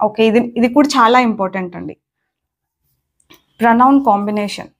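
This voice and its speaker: A woman's voice: medium pitch, slow. A young woman teaching grammar in a spoken lesson on her words, repeating points and often checking in with "okay?". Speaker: English teacher.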